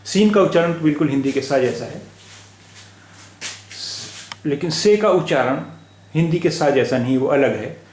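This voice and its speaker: A man teaching letters and words in a slow spoken lesson, patiently repeating each sound aloud, with an Indian Hindi-Urdu accent. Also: on the high side, a little mellow. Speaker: language teacher. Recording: echoey room recording.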